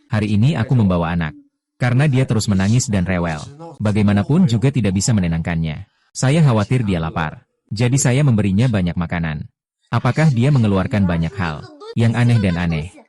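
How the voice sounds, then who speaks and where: A man reading all the parts of a dubbed drama in a flat, unhurried way. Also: on the low side.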